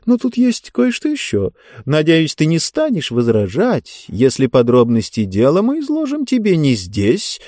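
A chatty talking book with a knowing, confiding way of speaking, as a man reads her lines. The voice is raised above his own and swings widely in pitch. It is warm and mellow, and recorded close and dry. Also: unhurried, hardly any pauses, no room sound. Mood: sly. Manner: lively, confiding storyteller tone. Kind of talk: audiobook character voice.

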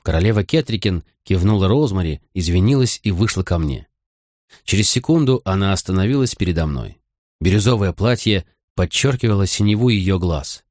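A man narrating an audiobook in the first person, with measured, even storytelling. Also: sits low, dry recording, clean studio sound.

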